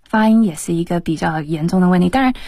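A woman's voice: lowish voice, fast, warm tone, dry recording. A woman who works as an exam examiner and teacher, explaining test tips as a guest on a radio talk show, with many hesitant fillers.

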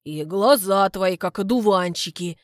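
A man's voice: sits high, measured pace, dry recording. A woman reading the part of a clumsy, lovesick village man who pleads and babbles awkward compliments. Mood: pleading. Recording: dry close recording.

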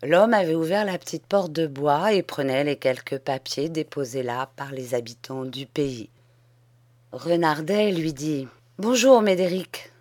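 A woman reading a classic short story aloud in measured, even narration. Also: deep voice, no room sound. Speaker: audiobook reader. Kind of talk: literary audiobook narration.

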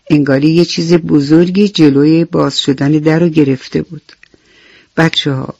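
Gentle man telling a bedtime story. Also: a little high, vocal fry, no echo, highs cut off. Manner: gentle, addresses the children directly with questions. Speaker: radio storyteller. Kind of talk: bedtime story narration for children. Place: radio studio.

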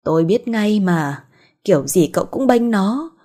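Lady doing a sulky bitter mom, cold, kinda husky. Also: fairly low pitch, fairly quick, warm tone. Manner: cold, reproachful. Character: bitter middle-aged mother, sulking, self-pitying.

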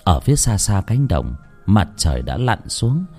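Male horror narrator, low voice, very animated, music underneath. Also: a little slow. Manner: dramatic, emotive storytelling. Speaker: ghost story narrator. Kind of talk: scripted horror story narration.

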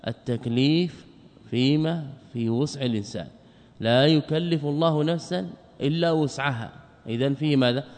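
A man's voice: on the high side, moderate pace, darkish tone. A man explaining a religious text line by line in a classroom lesson. He repeats phrases and asks rhetorical questions. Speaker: Islamic scholar teaching a text. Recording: long reverb of a lecture hall.

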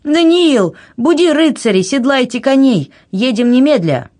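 A woman voicing a proud, hot-tempered young princess who shouts indignantly. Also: big pitch swings, moderate pace. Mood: furious. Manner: shrill, indignant outbursts.

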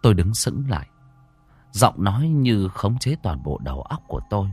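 A man narrating a first-person horror story in an expressive, dramatic way. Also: lowish voice, moderate pace, husky, soft background music.

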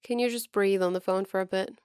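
A woman voicing a bored, restless young male idol in a fan fiction reading, with a flat, sulky delivery. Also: mid-range voice, brisk, clean tone, dry recording, studio quality, close to an everyday voice.

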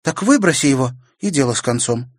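A man reading an audiobook and voicing an angry, sarcastic teenage girl who shouts at her brother. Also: medium pitch, animated, moderate pace, dry recording, studio quality, voice pushed up, close to an everyday voice. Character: angry, sharp-tongued teenage girl, a sister. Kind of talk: audiobook character voice.

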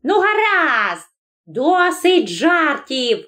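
A sly male devil squeaks and wheedles in a storybook reading, put on by a woman narrator. His voice sits very high and thin. He stretches his words out very slowly. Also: very animated, sharp tone, exaggerated voice. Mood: teasing. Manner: squeaky, wheedling, then pleading. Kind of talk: audiobook character voice.

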